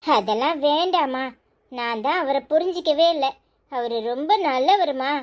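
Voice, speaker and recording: A woman's voice: high voice, expressive, normal speed. A woman voicing a young village wife in a cartoon, grumbling and scolding. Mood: remorseful. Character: young village wife, sulky and sharp-tongued. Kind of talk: cartoon storytelling.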